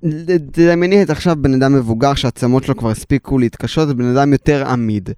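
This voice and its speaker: Teasing man podcast co-host, smooth voice. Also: medium pitch, warm tone, no room sound, studio quality. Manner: teasing, explains with long examples. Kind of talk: casual podcast debate.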